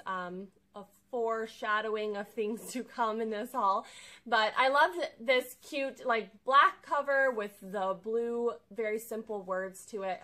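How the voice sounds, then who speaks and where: In her living room by the sofa, a young woman vlogs casually and upbeat, walking the camera through each item from her shopping haul. Her mid-range voice sounds pushed and bright.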